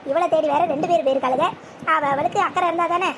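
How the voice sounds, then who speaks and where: A woman's voice: high-pitched, steady tone, fast talker, fairly bright tone, a little hiss or hum. A woman voicing a spiteful, scheming old grandmother in a cartoon, scornful and scolding.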